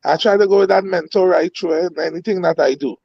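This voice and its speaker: A man's voice: high-pitched, fast, creaky, darkish tone, breathy edge. Trinidadian man on a dull phone line. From Trinidad and Tobago. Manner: friendly, laughs often, loose grammar. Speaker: guest. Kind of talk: casual chat. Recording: dull lo-fi phone-call sound.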